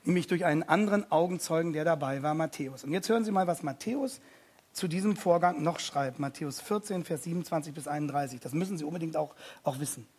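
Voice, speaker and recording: A male preacher delivers an emphatic sermon in a fairly high voice. His tone is husky, and he repeats key phrases. He swings from hushed, intimate passages to loud appeals. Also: fast.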